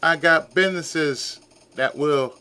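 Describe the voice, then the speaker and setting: Male let's player, bright forceful tone, casual, profane, flippant commentary. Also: on the high side, slow, clear, resonant tone.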